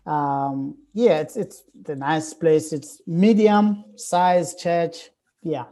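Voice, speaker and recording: A man's voice: a little high, very slow, dark tone. A South African man in his forties, a curate answering interview questions in a thoughtful, hesitant way with many fillers. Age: 40s. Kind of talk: casual interview.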